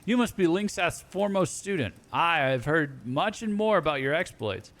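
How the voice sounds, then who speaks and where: Guy reading as a polite master chef, old-fashioned formal talk, kinda high voice. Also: lively intonation, normal speed, fairly bright tone. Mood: courteous. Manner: formal, archaic phrasing.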